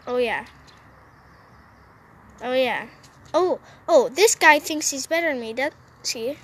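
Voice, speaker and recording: High-voiced woman chatting through a game. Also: animated, takes it slowly. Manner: chatty and playful, talking to viewers while playing. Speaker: mobile game vlogger. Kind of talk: casual gameplay commentary. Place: sitting on a roof outdoors. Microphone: phone.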